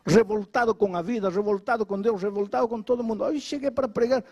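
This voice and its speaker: A man, a pastor, telling a story in a sermon with dramatic delivery and wide swings in pitch. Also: fast talker, darkish tone, lo-fi sound. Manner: dramatic, swings pitch widely when quoting people.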